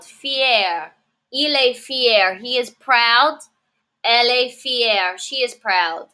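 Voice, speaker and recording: A woman teaching French adjectives, saying each word slowly and repeating it, then explaining in English. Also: on the high side, pushed and bright. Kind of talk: slow, clearly enunciated language lesson.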